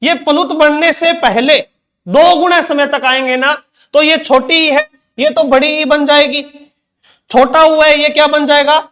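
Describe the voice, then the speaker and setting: A man's voice: very high voice, steady tone, unhurried, pushed and bright. A man teaching Hindi grammar in an exam-prep lecture, asking questions and answering them himself, repeating key terms.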